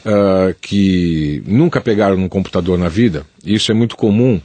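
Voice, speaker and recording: Low-voiced São man, halting. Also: a little mellow, husky, no echo. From São Paulo, Brazil. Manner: halting, repeats words while explaining. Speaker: Portuguese teacher co-host. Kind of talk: casual radio chat.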